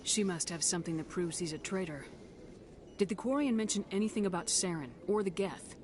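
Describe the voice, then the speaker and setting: A woman's voice: on the low side, a little fast, darkish tone, slight background noise, lightly acted. A woman playing a resolute, businesslike military commander in a video game.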